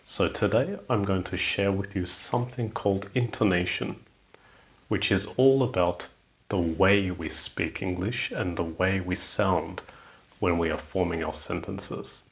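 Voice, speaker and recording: Deep-voiced man teaching English slowly. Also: fairly bright tone. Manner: slow, deliberate, stretching example words to show intonation. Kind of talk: scripted English lesson.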